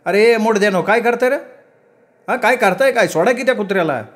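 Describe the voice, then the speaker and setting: A man's voice: high-pitched, fairly quick, pitched above the performer's own voice, close to an everyday voice. A man voicing a strong-willed older village mother who scolds in rustic speech. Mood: alarmed.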